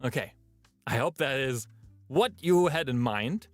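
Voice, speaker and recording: A male voice actor, chatting and thinking out loud during a live-streamed recording session in his booth. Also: medium pitch, lively intonation, unhurried, dry recording, faint music behind. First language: German. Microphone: booth microphone.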